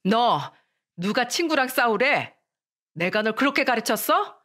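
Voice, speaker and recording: A middle-aged mother furious at her daughter, scolding her in a raised, sharp voice, as a woman narrator plays her. Every word comes as a reprimand. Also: on the high side, animated, moderate pace.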